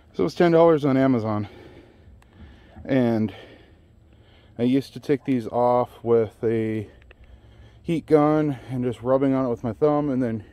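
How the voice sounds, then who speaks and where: A man's voice: mid-range voice, mellow, dry recording. Man working on his truck while vlogging, a bit winded, loose, chatty delivery. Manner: casual, rambling, with fillers and laughs. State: out of breath. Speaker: DIY car vlogger. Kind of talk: casual garage vlog.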